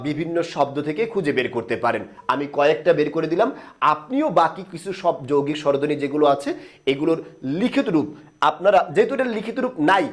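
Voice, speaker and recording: A man teaching a grammar lesson on video, asking questions and then answering them himself, and drawing sounds out slowly for the viewer to repeat. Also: on the high side. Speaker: Bengali grammar instructor.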